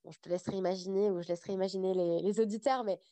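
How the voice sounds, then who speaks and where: A young woman speaks as a podcast guest, recounting a travel story in a loose, animated conversational flow full of small hesitations. Her voice sits at an ordinary middle pitch. The sound is dry and close, with no room echo. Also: very fast. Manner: chatty, animated storytelling with frequent fillers. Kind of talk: casual storytelling interview.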